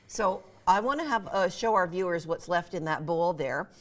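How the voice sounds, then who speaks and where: A woman cooking expert chatting on a TV cooking segment, her voice pitched a little low. She is enthusiastic, talkative and quick to laugh. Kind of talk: studio cooking segment chat.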